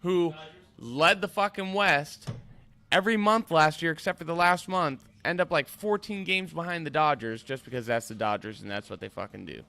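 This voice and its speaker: A man's voice: a little high, normal speed, vocal fry, sharp tone, slight background noise. A young man co-hosting a casual live-streamed podcast, giving opinionated sports picks, swearing casually and laughing often. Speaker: podcast co-host. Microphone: streaming podcast mic.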